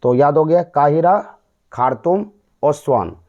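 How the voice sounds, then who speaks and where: A man's voice: on the high side, measured pace, warm tone. A man with a Bihari Hindi accent teaching general knowledge mnemonics, repeating and quizzing in a call-and-response way. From India. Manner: repetitive, drilling call-and-response. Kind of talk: exam mnemonic lesson. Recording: dull lo-fi audio.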